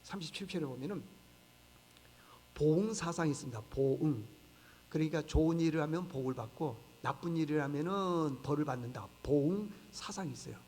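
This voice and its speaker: A man's voice: fairly high pitch, fairly quick, a little mellow, a little hiss or hum. A man pastor preaching a sermon, speaking emphatically and acting out the voices he quotes. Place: church sanctuary. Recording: reverberant church hall.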